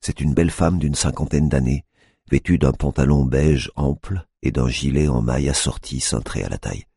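A man narrating an audiobook in a measured, grave manner. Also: extremely low pitch, vocal fry, dark tone, husky, dry recording, studio quality. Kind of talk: scripted narration.

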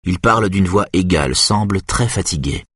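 A man narrates a thriller audiobook in a steady, measured way. His voice sits low and has a husky grain. The sound is dry and close, with no room around it. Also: no echo.

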